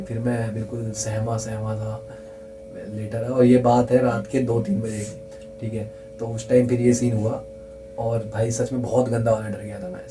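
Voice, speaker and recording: A young man earnestly telling a true scary story in casual chat, repeating himself for emphasis and dropping to a hush at the tense parts. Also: medium pitch, low-quality recording.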